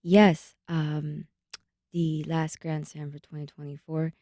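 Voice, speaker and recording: A young woman who tells stories and owns a massage studio chats earnestly in a casual radio studio interview, hesitating, using fillers, and restarting sentences. Her voice is low, dark, flat, and slow, captured in a dry, clean studio recording.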